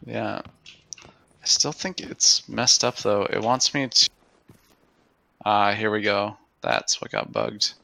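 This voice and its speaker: A man co-playing a game, chatting casually with brief, low-key reactions. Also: huge pitch swings, takes it slowly, gravelly, long pauses, bright, forceful tone, dry recording. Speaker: co-player. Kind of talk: casual let's-play chat.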